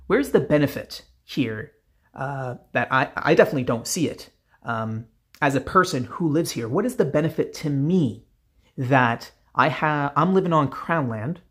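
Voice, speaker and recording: A male podcast host talks on his own show in a mid-range voice. His delivery is loose and rambling, full of fillers and restarts. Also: medium pitch. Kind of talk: casual solo podcast monologue. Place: Canada.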